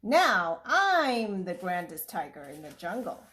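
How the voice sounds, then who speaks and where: A woman voicing a greedy, boastful jungle tiger in a storybook read-aloud, speaking slowly. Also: lowish voice, very animated, sharp tone, heavily acted.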